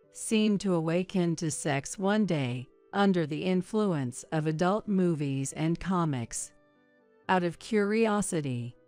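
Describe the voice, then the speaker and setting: A woman reading a first-person story as a measured, even scripted narration. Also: lowish voice.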